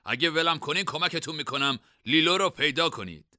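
A man's voice: a little high, expressive, bright, forceful tone, no echo, studio quality, pitched above the performer's own voice. A man voicing a sly, scheming young male student in a storybook reading.

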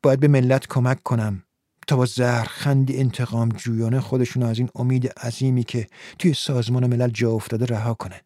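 A man voicing a brooding, scheming young male idealist in an audiobook, speaking in a low mutter. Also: a little mellow, no room sound, clean studio sound, close to an everyday voice. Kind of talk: audiobook character voice.

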